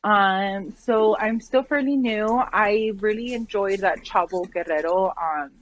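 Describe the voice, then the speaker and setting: A woman guest on a podcast, a wrestling content creator, answering in a relaxed, thoughtful way with hesitant fillers. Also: mid-range voice, a little slow, poor audio. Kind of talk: casual interview.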